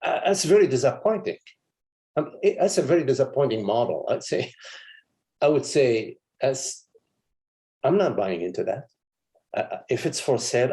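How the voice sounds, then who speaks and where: A man's voice: medium pitch, warm tone. A man, a spiritual teacher, giving a meditative live satsang talk in a meandering, conversational way with frequent chuckles and asides.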